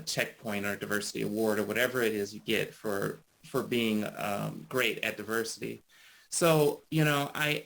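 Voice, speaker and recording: A man's voice: medium pitch, gravelly, a bit bright, poor audio. A man speaking as a panelist in a discussion, earnest and impassioned, often restarting phrases.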